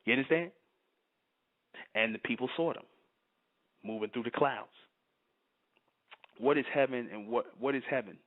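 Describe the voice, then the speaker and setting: A man's voice: mid-range voice, normal speed, pauses often. A man giving an impassioned spiritual monologue, working himself up and repeating "you understand?". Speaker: channel host giving a spiritual talk. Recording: tinny phone-like audio.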